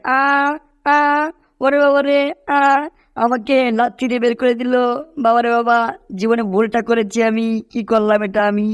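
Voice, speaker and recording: A woman's voice: on the high side, flat delivery, normal speed, dull audio, pitched above the performer's own voice, close to an everyday voice. A woman voicing a hungry, scheming male house cat in a fan cartoon dub, muttering and groaning to himself. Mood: fearful.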